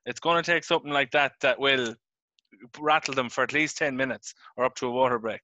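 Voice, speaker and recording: Bright, forceful Irish man hosting. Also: medium pitch, fairly even intonation, a little fast, highs cut off. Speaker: podcast host. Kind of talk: casual sports chat.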